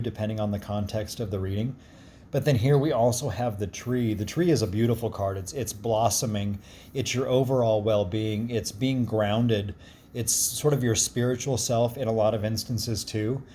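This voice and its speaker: A man with a gruff voice explaining a card reading in a casual, reassuring and encouraging way. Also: medium pitch, dark tone, slight background noise. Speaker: card reader.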